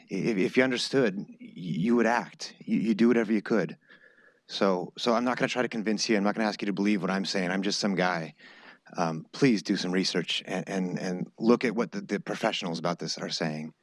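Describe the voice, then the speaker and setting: A man's voice: low-pitched, moderate pace, no room sound. A man speaks off the cuff at a board meeting, urging the board bluntly and often restarting his words. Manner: blunt, urgent, stumbling restarts. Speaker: public commenter. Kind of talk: unscripted public comment. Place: public board meeting room.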